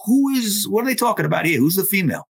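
A man's voice: high-pitched, big pitch swings, gravelly, breathy edge. Man host reading and asking questions. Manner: reads quotes aloud slowly, then asks the group questions. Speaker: podcast host. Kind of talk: casual podcast discussion.

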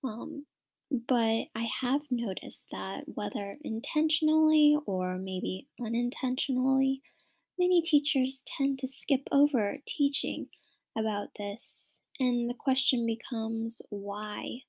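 Young woman, podcast host, solo talk, husky and breathy, gravelly fry, chatty and upbeat. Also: on the high side, slow pace, darkish tone. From Washington State, USA.

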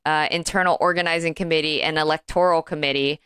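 Wry, clear-voiced New woman. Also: sits low, steady tone, quick pace, a bit bright, no room sound. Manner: wry, offhand, laughs between points. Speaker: podcast co-host. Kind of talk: casual chat.

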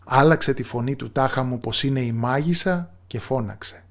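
A man narrating a fairy tale in a measured storyteller's manner, dropping low and soft in the quiet moments.

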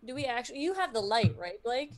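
A woman's voice: fairly high pitch, big pitch swings, fast talker, a little hiss or hum. A brash, sweary woman chatting and joking casually as a player in a tabletop game.

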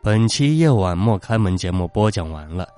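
A man narrating a horror story in a calm, measured reading voice. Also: sits low, smooth, no echo, faint music behind.

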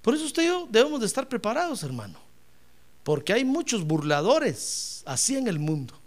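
A man's voice: high-pitched, big pitch swings, normal speed. A man preaching a sermon, speaking emphatically and often calling his listener brother.

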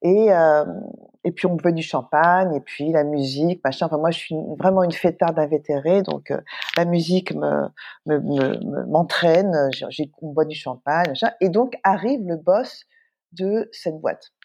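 A middle-aged woman, a guest entrepreneur, telling an anecdote in a lively, animated way with plenty of fillers. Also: low-pitched, moderate pace. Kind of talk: casual storytelling in an interview.

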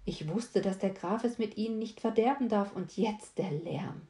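A woman's voice: mid-range voice, moderate pace, mellow, close to an everyday voice. A woman reading as a tearful young noblewoman. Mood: tearful pleading. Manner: earnest, pleading, tearful tone. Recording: echoey room.

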